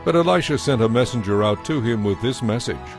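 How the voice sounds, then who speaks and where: Speaking a little fast, a man with an expressive, medium-pitched voice narrates a scripted audio Bible drama. He sits close to a dry studio microphone while faint music plays underneath.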